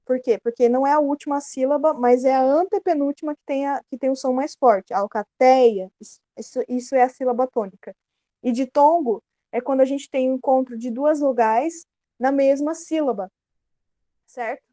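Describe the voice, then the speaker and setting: A woman's voice: high voice, steady tone, moderate pace, mellow, dry recording. A woman with a Brazilian Portuguese accent teaching an online grammar lesson, explaining casually and correcting herself as she goes.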